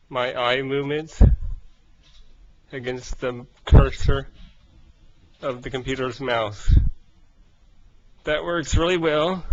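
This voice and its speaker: A man giving a casual personal vlog update, out of breath and speaking haltingly in short broken phrases. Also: medium pitch. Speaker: vlogger. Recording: dull, lo-fi sound.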